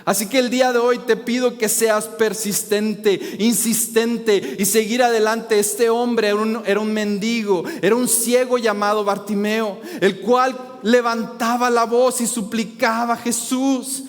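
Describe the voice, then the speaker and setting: A man preaching a sermon as pastor, impassioned and rising to shouts when he pleads, with frequent rhetorical questions to the congregation. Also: very high-pitched, little pitch movement, measured pace, few pauses. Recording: reverberant hall with faint music.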